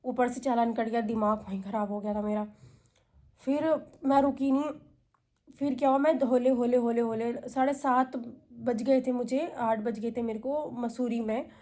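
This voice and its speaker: A woman's voice: a little high, steady tone, moderate pace, dark tone. A woman, chattily telling a story to camera as a vlogger. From India. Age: 20s. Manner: chatty, retells calls with quoted voices.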